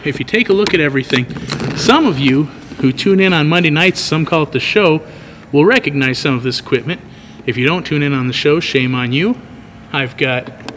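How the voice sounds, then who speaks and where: A man's voice: a little high, fairly bright tone. A man giving a casual, rambling vlog tour with dry, self-deprecating humor, talking to a handheld camera. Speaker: video producer and vlogger giving a tour. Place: large empty church auditorium at night. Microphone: handheld camera microphone. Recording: echoey large hall, clear background noise.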